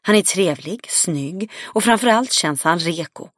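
A woman's voice: lowish voice, animated, no echo, studio quality. A woman narrator voicing a blunt, confident woman friend in an audiobook, outspoken and swearing freely. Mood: persuasive. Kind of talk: audiobook dialogue reading.

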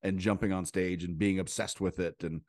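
A male comedian chatting as a podcast guest, his voice sitting low and recorded dry and close with no room sound. He rambles through stories with quick asides and fillers. The tone is loose and conversational. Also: steady tone, darkish tone, no echo. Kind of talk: casual conversation.

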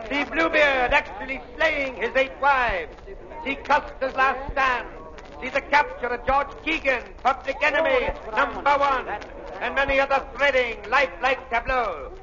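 A loud waxworks barker from an old radio play, highish voice, crowd chatter behind, muffled. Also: male voice. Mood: hawking. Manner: loud showman patter. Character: brash male carnival barker at a waxworks.

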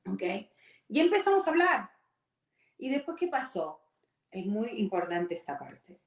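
A woman's voice: mid-range voice, very animated, a little slow. A middle-aged woman with an Argentine accent telling a personal story to her audience in a candid, confiding way, slipping in English words. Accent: Argentine Spanish. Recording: echoey room.

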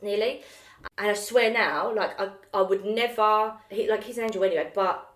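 A woman's voice: medium pitch, normal speed. Young woman on a podcast, swears a lot, acts out what people said, echoey room. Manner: animated storyteller, acts out quotes, swears freely. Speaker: podcast co-host. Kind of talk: casual chat. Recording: roomy echo.

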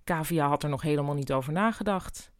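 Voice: mid-range voice, a little fast, no echo, clean studio sound. A narrator reading a novel aloud in a plain, matter-of-fact storytelling manner. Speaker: audiobook narrator. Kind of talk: scripted narration.

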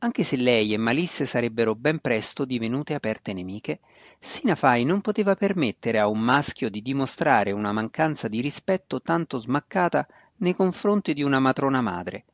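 A man's voice: mid-range voice, expressive, moderate pace, no echo. A man narrating a fantasy novel as a reader. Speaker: audiobook narrator. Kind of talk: scripted narration. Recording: dry, dull lo-fi recording.

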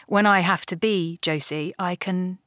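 A woman, an audiobook narrator, chatting as a guest and telling stories with lively laughter. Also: on the low side, a little slow, dry recording, studio quality. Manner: expressive storyteller, animated with laughs. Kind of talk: conversational interview.

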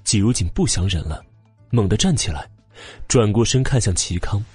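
Male audiobook narrator, lowish husky voice, lively pitch, dry close mic, faint music. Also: normal speed, dry recording. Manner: expressive, acts out all parts. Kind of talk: scripted narration.

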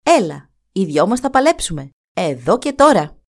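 A woman's voice: medium pitch, big pitch swings, creaky. A woman voicing a brave, stubborn young boy hunter, calling out urgently in a storybook reading. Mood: defiant.

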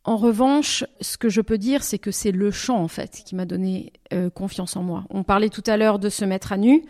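In an interview, a French-speaking singer over twenty discusses her singing in a slightly mellow, mid-pitched voice. She is thoughtful, pausing often, restarting and rephrasing as she searches for the right words.

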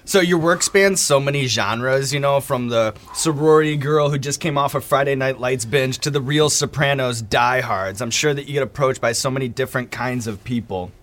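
Guy hosting an interview, mid pitch, reads his questions slow and deliberate. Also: a bit bright. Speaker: interview host.

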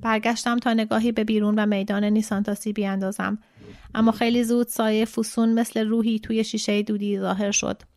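A woman translator who reads a literary novel aloud in a calm, measured voice. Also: on the high side, no room sound, studio quality. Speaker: translator and reader. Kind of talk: literary audiobook narration.

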